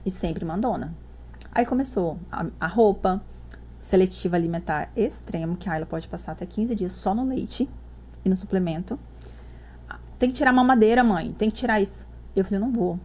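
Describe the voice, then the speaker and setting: A woman's voice: medium pitch, normal speed, a little mellow. A woman, a mother guest on a podcast, telling her story in casual chat and acting out the dialogue she quotes.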